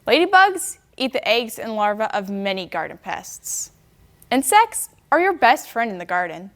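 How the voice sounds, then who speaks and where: High-pitched young woman giving a stiff rehearsed speech. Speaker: youth speech contestant. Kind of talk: prepared contest speech.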